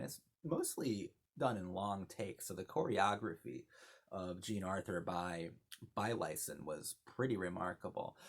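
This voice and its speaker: A man giving enthusiastic, unscripted film commentary, often halting and repeating words as he searches for his phrasing. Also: medium pitch. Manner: enthusiastic, gushing. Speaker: film reviewer.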